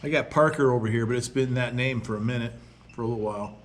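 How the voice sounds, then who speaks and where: Casual man, mid pitch, faint noise. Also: fast. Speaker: fellow paranormal investigator. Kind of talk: casual chat.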